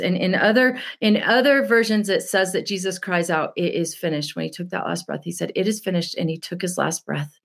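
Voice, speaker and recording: A young woman preaching an earnest, emotional devotional message, repeating key phrases for emphasis. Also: medium pitch. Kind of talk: Good Friday devotional teaching.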